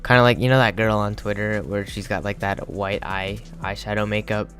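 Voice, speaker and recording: A man's voice: on the low side, little pitch movement, moderate pace, a bit bright, soft background music. A young man telling a crude, joking story in a rambling, casual way, full of fillers.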